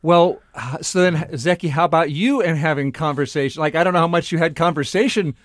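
Male radio host, slightly higher voice, attentive interviewer, dry studio sound. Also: fairly quick, no echo.

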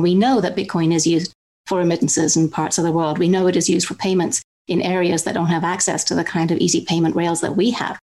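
A woman's voice: fairly low pitch, darkish tone. Earnest woman from Zambia on a panel. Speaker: crypto expert guest. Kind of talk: panel discussion.

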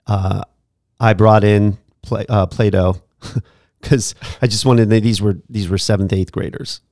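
A man's voice: lowish voice, fairly even intonation, slow, darkish tone, dry recording. Man, podcast host, casual storytelling, laughs often, restarts, dry sound. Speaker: podcast host, former teacher.

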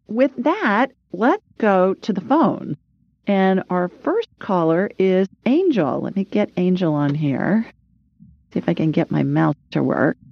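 Chatty low-voiced woman radio host. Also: dry recording. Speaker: host of a psychic call-in show. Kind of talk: casual, chatty radio hosting. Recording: dull, slightly lo-fi, dry sound.

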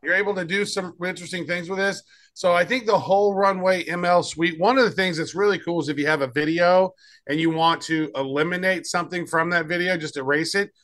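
A man's voice: high-pitched, fairly even intonation, fairly quick, a bit bright. A man co-hosting a podcast, chatting loosely as he demos tools, often trailing off and restarting. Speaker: podcast co-host. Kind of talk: casual chat demoing tools.

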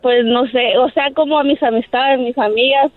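A chatty woman co-host, giggling through casual talk. Her voice is fairly high and comes through thin and phone-like. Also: steady tone, normal speed, no echo. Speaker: podcast co-host. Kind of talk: casual chat.

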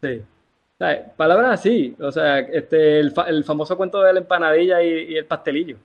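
A man's voice: on the high side, normal speed, dull audio. A man with a Puerto Rican accent, a band member chatting in an interview and explaining things with examples. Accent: Puerto Rican Spanish. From Puerto Rico. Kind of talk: casual interview talk.

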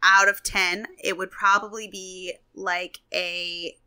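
A woman's voice: mid-range voice, flat delivery, takes it slowly, bright, forceful tone, clear, resonant tone. A young woman co-hosting a podcast in casual chat, talking with many fillers and restarts. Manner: chatty, filler-heavy, lots of restarts. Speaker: podcast co-host.

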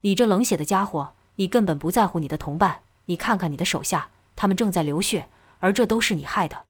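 A woman's voice: lowish voice, animated, fast, husky, no room sound. A woman voicing a tough, commanding martial-arts fighter man in a storybook reading, with blunt commands. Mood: angry.

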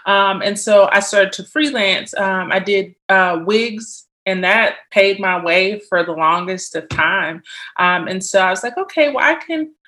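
A woman in her thirties from Mississippi speaks with a bright, sharp tone. She talks in a friendly, rambling way full of "um" fillers, as a guest on a video call from her home office. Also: mid-range voice, steady tone, a little slow. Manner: friendly, chatty, many "um" fillers. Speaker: interview guest, costume and wig artist. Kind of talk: conversational interview.

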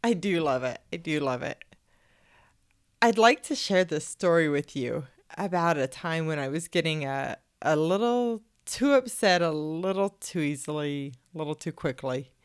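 A woman's voice: low-pitched, smooth, no room sound, clean studio sound. A woman hosting a podcast, telling a personal story in a casual, chatty way. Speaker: podcast host. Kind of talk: casual conversation.

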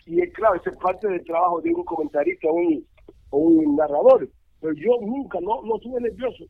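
An older man, a former ballplayer turned baseball analyst, telling stories in a rambling, animated way with many restarts. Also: high-pitched, a little fast, dry recording. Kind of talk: casual interview over the phone. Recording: tinny phone line, dry.

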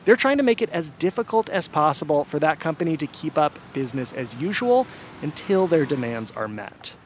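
A male radio host narrates a scripted story in a lively storytelling style. His voice is fairly high and fairly quick, with slight background noise.

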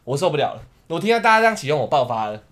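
A man tells a story with a lively voice that swings up and down. He swears freely and laughs as he goes, in a casual co-host chat. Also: on the high side, very fast. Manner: animated, swears often, laughs while telling. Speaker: podcast co-host.

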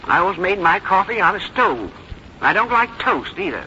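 In a noisy, muffled 1951 radio recording, an actress voices a stubborn, plain-spoken elderly American mother in a 1950s radio drama. Her medium-pitched voice is pushed and bright, swinging widely in pitch at a moderate pace. The older character grumbles in a blunt, folksy, complaining way.

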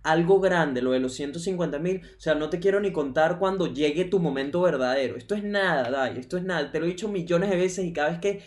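A man's voice: on the high side, a little fast, hardly any pauses. A man hosts a casual podcast in a slightly raised voice. He talks in an encouraging, emphatic manner, repeating phrases to drive a point home. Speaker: podcast host.

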